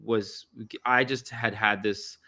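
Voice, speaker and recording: A man's voice: on the low side, fairly even intonation, takes it slowly, sharp tone. A middle-aged man from Denmark, a musician guest chatting casually in an interview, rambling and correcting himself as he goes. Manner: rambling, self-correcting storyteller.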